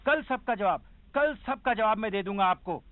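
A man's voice: sits high, unhurried. A man playing a tired, short-tempered grown son arguing with his mother in a dubbed TV drama. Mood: angry. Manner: tired, then explosive. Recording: tinny phone-like sound.

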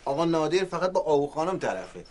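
A man's voice: a little high, sing-song, darkish tone. An actor playing a young man who insists that another man search his pockets. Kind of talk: TV comedy drama acting.

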